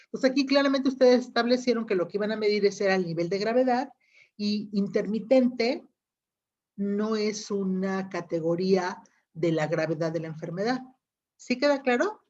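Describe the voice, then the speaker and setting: A woman's voice: mid-range voice, a little mellow. A woman, a teacher giving an online class lecture, explaining patiently and often checking that students follow. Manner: explains patiently, checks understanding with frequent questions. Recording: dull lo-fi audio.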